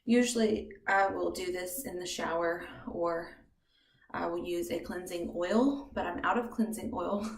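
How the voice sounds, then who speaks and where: Young woman, heavily pregnant, casual home vlogger; low-ish voice, filler-heavy chat, softly breathy now and then, faint noise. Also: unhurried. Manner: chatty with frequent ums, drifts into soft whispers. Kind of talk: casual beauty vlog chat. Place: bathroom at home, indoors.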